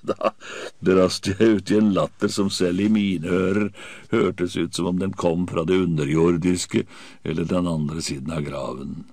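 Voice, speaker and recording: A man's voice: low voice, fairly even intonation, darkish tone, no echo. A man narrating an audiobook in the first person with a vivid, dramatic reading.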